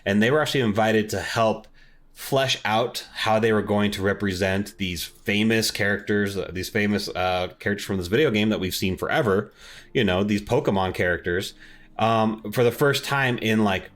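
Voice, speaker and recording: A young man co-hosts a laid-back podcast, his voice sitting on the lower side at a moderate pace. He rambles through casual chat, restarting sentences as he hunts for the right words.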